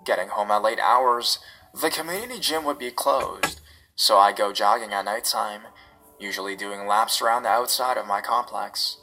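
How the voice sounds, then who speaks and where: A man reading first-person horror stories in a steady, measured scripted narration. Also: lowish voice, music in the background, rough recording.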